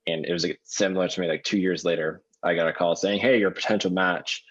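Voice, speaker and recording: Young canadian guy, really low voice, chatting casually, kinda muffled lo-fi sound. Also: fairly even intonation, fast, a bit bright. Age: 20s. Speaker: bone marrow donor, interview guest. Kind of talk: casual conversation.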